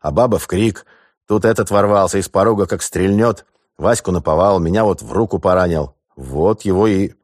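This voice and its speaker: A man's voice: sits low, moderate pace, darkish tone, no room sound, studio quality. A man voicing a coarse wounded sailor who explains himself in a sullen, slangy way, in an audiobook.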